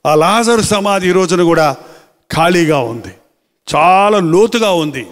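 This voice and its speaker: A man preaching a sermon as pastor, drawing out words slowly for emphasis and quoting scripture. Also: high-pitched, lively intonation, in a large hall. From India. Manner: preaching with slow, drawn-out emphasis and quoted scripture.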